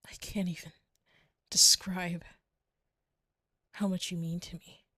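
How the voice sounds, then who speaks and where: Brief: a woman playing a tender, protective bodyguard in whispered role-play; breathy, lowish voice, dry close mic. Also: little pitch movement, pushed and bright, dry recording, full character voice. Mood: tender whispering. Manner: halting, emotional, sighing often.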